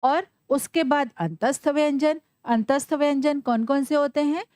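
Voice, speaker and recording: A woman teaching a Sanskrit lesson to children, asking questions and answering them herself, spelling out letters slowly. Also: high voice, a little mellow, no echo, clean studio sound. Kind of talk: classroom lesson.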